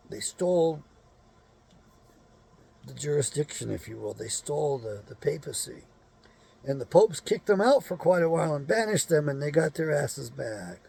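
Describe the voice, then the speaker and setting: A man's voice: on the high side, lively intonation, a little slow, creaky, pauses often, dark tone, breathy edge. A man hosting his own show, talking in a blunt, rambling monologue full of cursing and rhetorical questions. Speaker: show host.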